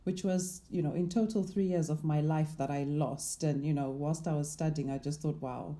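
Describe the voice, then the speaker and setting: A woman's voice: sits low, fairly even intonation, normal speed, dark tone. A middle-aged woman from Zimbabwe, a guest in a casual interview, talking thoughtfully with "um" and "you know". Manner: thoughtful, laughs lightly, many "um" and "you know". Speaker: guest, investment manager.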